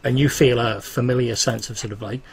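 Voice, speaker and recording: A man acting as game master, narrating a tabletop game in a halting, improvised way. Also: mid-range voice, fairly even intonation, gravelly, a crowd in the background.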